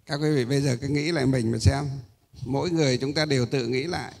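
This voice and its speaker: A male Buddhist monk giving a sermon. He pauses often on drawn-out "uh" sounds and asks rhetorical questions that he then answers himself. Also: mid-range voice, fairly even intonation, gravelly, a little mellow. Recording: echoey hall.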